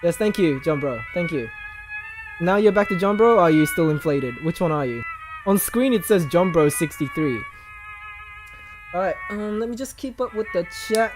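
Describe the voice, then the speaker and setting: Animated young streamer man, music behind. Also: moderate pace. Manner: animated, jumpy pitch, laughs often, talks straight to chat. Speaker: livestream host. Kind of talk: casual live-stream chat, reading viewer comments aloud. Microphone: desk mic. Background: background music playing.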